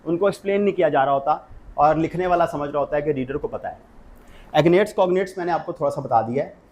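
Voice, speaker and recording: A man's voice: a little high, quick pace, darkish tone. A middle-aged man with a Pakistani Urdu accent, giving a classroom law lecture and explaining step by step while mixing in English legal terms.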